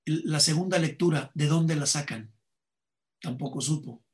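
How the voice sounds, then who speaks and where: A man's voice: fairly high pitch, a little slow. A man with a Mexican accent, a comedian telling anecdotes in an interview and acting out the dialogue. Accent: Mexican Spanish. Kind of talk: interview conversation, storytelling.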